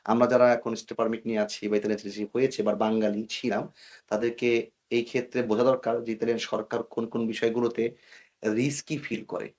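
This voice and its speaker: A man speaks as an interview guest, explaining things in an earnest, warning manner. He mixes English words into his sentences. His voice sits at an ordinary middle pitch. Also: flat delivery, fairly quick, darkish tone. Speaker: guest expert.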